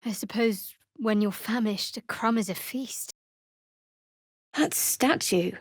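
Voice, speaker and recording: Playing a fantasy video game's guarded, devout young priestess of a dark goddess, the actress speaks with measured wryness in a fairly high voice with a breathy edge. The mood turns reflective, and the studio-quality audio has no room sound.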